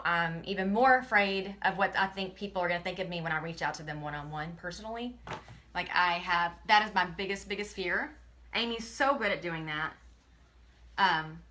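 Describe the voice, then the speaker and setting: Tearful woman, bright voice. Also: on the low side. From Texas. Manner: earnest, emotional, often near tears, talks straight to viewers. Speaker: direct sales presenter. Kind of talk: tearful motivational live video.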